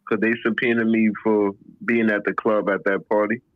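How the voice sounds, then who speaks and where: A man's voice: on the low side, flat delivery, normal speed, no echo. A podcast host asking loose, slangy questions, stumbling and restarting as he goes. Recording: dry tinny phone-like line.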